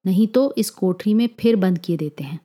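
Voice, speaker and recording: A woman's voice: mid-range voice, normal speed, dark tone, natural voice. A woman voicing a stern, scolding father. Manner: scolding, commanding. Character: stern, impatient middle-aged father.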